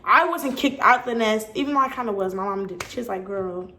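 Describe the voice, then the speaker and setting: A young YouTuber from California with a slightly high voice talks fast and animatedly straight to her viewers in a casual Q&A vlog. Her room is echoey, and there's a little hiss or hum.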